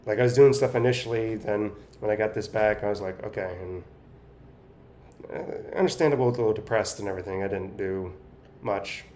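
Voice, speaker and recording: A man giving a casual, halting personal update, with effortful, impaired articulation as he talks biting down on a straw held in his teeth. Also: lowish voice, a little mellow, slight background noise. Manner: talking through clenched teeth, biting on a straw. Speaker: vlogger sharing speech progress.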